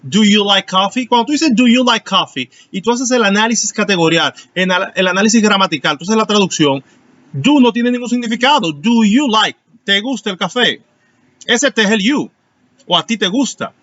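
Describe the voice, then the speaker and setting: Male teacher, slightly high voice, patient explaining, lo-fi online class audio. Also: lively intonation, a little fast, fairly bright tone. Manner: explanatory, asks students questions. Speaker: English teacher.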